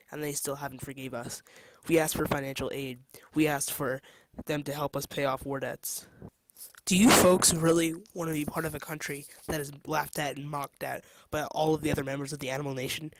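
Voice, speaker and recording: A young man playing a power-hungry male leader who gives rally speeches that turn menacing, with a gravelly voice in an amateur audio drama. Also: on the high side, fairly even intonation, normal speed, a little hiss or hum, natural voice, rough recording. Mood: rousing. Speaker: speechmaking leader in an animal farm allegory.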